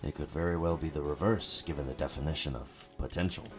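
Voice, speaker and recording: A man voicing a calm, formal researcher who speaks in a measured, dry way. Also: extremely low pitch, soft background music.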